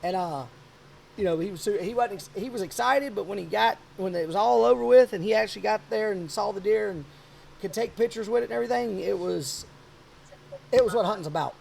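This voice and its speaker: A man around forty hosting a podcast, telling a hunting story in a rambling, animated way. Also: high-pitched, brisk, vocal fry, slight background noise. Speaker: podcast host. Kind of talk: casual chat.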